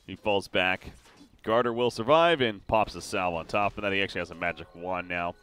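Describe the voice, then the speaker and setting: An esports caster with a smooth, low-pitched voice calls a live competitive video game match at a quick clip. He gets excited at the big moments and frequently uses fillers and restarts his lines.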